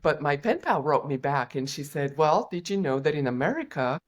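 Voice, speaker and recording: As a podcast guest, a middle-aged former Olympian and executive coach from Bulgaria tells her story earnestly and thoughtfully. She speaks briskly in a low, animated voice.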